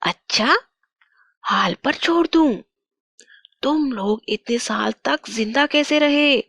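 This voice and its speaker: A woman's voice: high voice, expressive, slow, gravelly, a bit bright, no room sound, voice pushed up, full character voice. Woman voicing a mocking whispery witch. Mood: taunting. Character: wicked scheming female witch.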